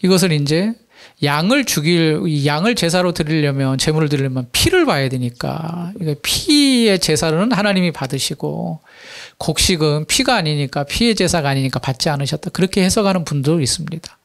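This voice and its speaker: A man's voice: a little high, animated, a little fast, creaky. A man pastor giving a sermon, reading scripture and asking the congregation rhetorical questions with emphatic delivery.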